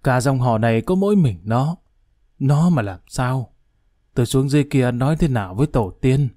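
A man's voice: mid-range voice, animated, normal speed, mellow, dry recording, clean studio sound, close to an everyday voice. Figure: a man doing a worried old grandfather. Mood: grave.

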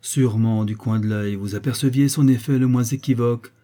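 A man reads a classic novel aloud in a measured, expressive way. His voice is very dark and mellow, with a husky edge, and the telling stays steady from sentence to sentence. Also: mid-range voice. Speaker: audiobook reader. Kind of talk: literary audiobook narration.

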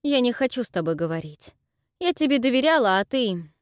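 A woman voicing a timid, tearful young widow who once acted on stage, speaking softly and pleadingly. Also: fairly high pitch, very animated, brisk, no echo, clean studio sound, pitched above the performer's own voice. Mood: hurt. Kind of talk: audiobook character voice.

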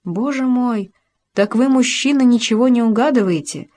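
Brief: a woman doing a proud, earnest young noblewoman, higher than her narration, audiobook dialogue. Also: normal speed, a little mellow, lightly acted. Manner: earnest, reproachful reading.

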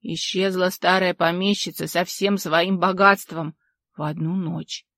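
A woman's voice: on the low side, fairly even intonation, measured pace, fairly bright tone, dry recording, clean studio sound. A woman doing a folksy old village storyteller. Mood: folksy storytelling. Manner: folksy, emphatic, rustic speech.

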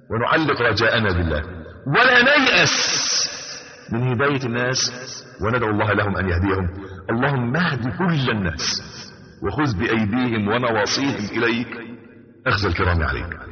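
Animated Egyptian preacher in a hall. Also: male voice, medium pitch, highs cut off. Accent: Egyptian Arabic. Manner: animated, emphatic rises, slows to recite verses. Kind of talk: sermon.

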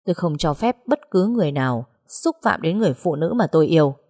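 A woman voicing a stern but calm adult man in an audio story. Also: deep voice, quick pace. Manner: firm, controlled.

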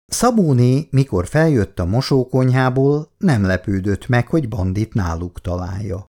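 A man narrating a story aloud in a measured, expressive way. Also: medium pitch. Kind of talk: storybook reading.

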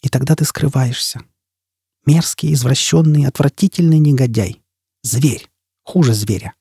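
A man's voice: mid-range voice, normal speed, gravelly, warm tone, slightly rough, no room sound, clean studio sound. A man voicing a fierce, bitter young woman who scorns and taunts, in an audiobook reading. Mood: scornful. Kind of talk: audiobook character voice.

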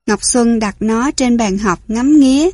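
A woman reading a storybook aloud, gentle and clear. Her voice is a little high. The recording is dry and close, with no room around it. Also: a little slow, no room sound. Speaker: narrator.

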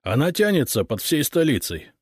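A man voicing a gruff, irritable male police investigator who barks orders. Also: a little high, big pitch swings, normal speed, darkish tone, no echo, clean studio sound, voice pushed up. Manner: barking, grumbling.

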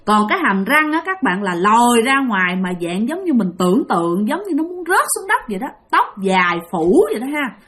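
A woman's voice: a little high, brisk, few pauses. A woman with a Southern Vietnamese accent telling a ghost story dramatically to her listeners. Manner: lively, dramatic, addresses listeners directly.

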